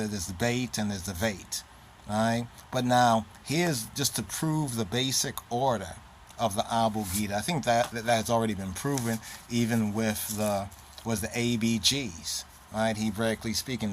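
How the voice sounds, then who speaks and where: A man's voice: mid-range voice, slight background noise. A man giving an informal lesson on an alphabet, naming the letters one by one, repeating sounds and often checking in with "right?". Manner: repetitive, spells out letters one at a time, frequent "right?". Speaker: teacher. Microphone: handheld camera.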